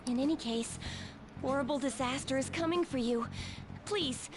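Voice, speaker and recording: Woman voicing a young fortune teller, video game, high voice, polite, earnest, solemn. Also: normal speed, noisy background, lightly acted. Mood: earnest, ominous. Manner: formal, gentle, earnest. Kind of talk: video game dialogue acting. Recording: background music under dialogue.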